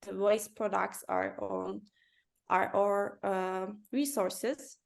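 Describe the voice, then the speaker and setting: In a business interview, a company founder and designer from Turkey responds in deliberate English full of pauses and fillers. She has a mid-range voice with fairly even intonation and some vocal fry.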